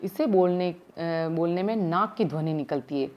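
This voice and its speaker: A woman teaching primary school grammar in a slow, step-by-step way, asking her class questions as she goes, with words her speech. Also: lowish voice, expressive, highs cut off. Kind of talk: recorded grammar lesson.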